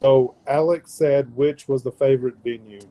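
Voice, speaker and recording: A man's voice: mid-range voice, fairly even intonation, normal speed, warm tone, slight background noise, low-quality recording. A man with a Southern drawl, chatting casually as co-host of a paranormal podcast. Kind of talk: casual chat.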